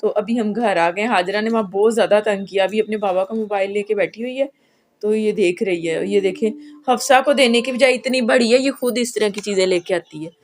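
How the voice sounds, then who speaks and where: A woman's voice: mid-range voice, brisk, a little mellow. A woman vlogging at home as a mother, chatting casually and speaking straight to her viewers.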